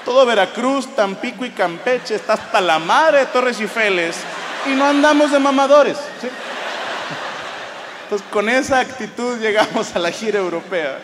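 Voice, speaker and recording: Swearing Mexican comedian in a big hall. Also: male voice, very high-pitched, normal speed, background noise. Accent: Mexican Spanish. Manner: crude, swearing, animated storytelling. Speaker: stand-up comedian. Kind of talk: stand-up comedy set. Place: large theater stage. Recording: live show in a big reverberant hall. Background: audience laughter.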